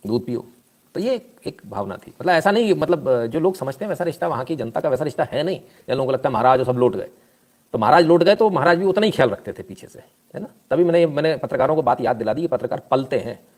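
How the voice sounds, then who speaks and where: A man hosting a casual live news stream, talking at a middle pitch. He is sarcastic and scolding, and reads out and answers viewer comments as he goes. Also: a little mellow.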